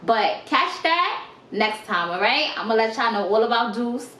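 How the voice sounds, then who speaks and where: A young woman telling a storytime vlog, animated, emphatic and full of profanity. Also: on the high side, moderate pace. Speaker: vlogger. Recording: roomy with faint noise.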